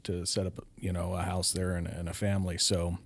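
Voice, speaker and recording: A middle-aged man from Hawaii, a podcast guest telling his life story with many pauses and fillers. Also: deep voice, level tone, no room sound. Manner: hesitant, many ums and uhs, laughs often. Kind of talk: casual storytelling.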